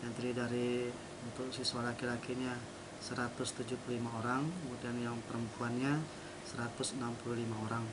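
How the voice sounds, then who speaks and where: Flat-voiced man in a noisy field interview. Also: medium pitch, quick pace. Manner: formal, flat, with hesitant fillers. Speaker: school principal. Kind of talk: news interview answer. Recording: field interview with clear background noise. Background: ambient noise.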